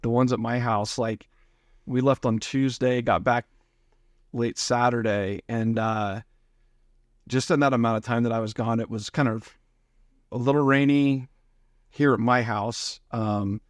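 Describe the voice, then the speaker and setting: A man's voice: mid-range voice, fairly even intonation, unhurried, pauses often, no echo. A man co-hosting a gardening podcast in casual chat, joking and easygoing, close on a studio mic. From Central Ohio. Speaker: podcast co-host.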